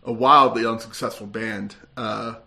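Man chatting over rough laptop audio. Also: fairly low pitch, fairly even intonation, unhurried, bright, forceful tone. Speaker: podcast co-host. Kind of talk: casual chat. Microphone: laptop in place of proper microphone. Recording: muffled laptop-grade audio, poorly captured.

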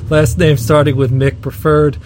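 A young adult man co-hosting a casual podcast tells a rambling story, laughing as he goes, in the spirit of easy banter. His voice is on the high side and flat, at a moderate pace, with a noisy background.

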